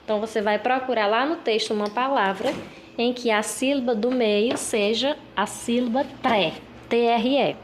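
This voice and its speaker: A woman teacher from Brazil giving a recorded lesson to children, reading out questions slowly and with emphasis. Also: a little high, slight background noise. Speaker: schoolteacher.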